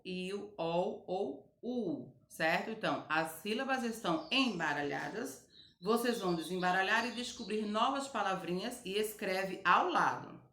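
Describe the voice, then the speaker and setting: A woman teacher giving a recorded grammar lesson to children, slowly and patiently spelling out each word. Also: mid-range voice, fairly bright tone, reverberant. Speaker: primary school teacher.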